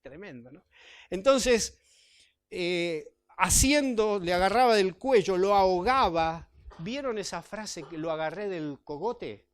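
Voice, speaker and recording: A pastor preaches in church, his voice sitting fairly high for a man. He reads scripture aloud and explains it in an easy, conversational manner, often checking in with his congregation. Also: expressive, slow pace. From Chile. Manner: conversational, with tag questions to the congregation. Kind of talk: sermon.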